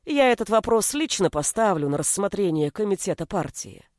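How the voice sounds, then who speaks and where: A woman's voice: mid-range voice, big pitch swings, moderate pace, darkish tone, no echo, natural voice. A scornful, self-important school director , played by a woman reading the story, talks down in a bureaucratic drone full of threats. His lines come across dry and close, with no room around them. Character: pompous fat male Soviet school director, scornful.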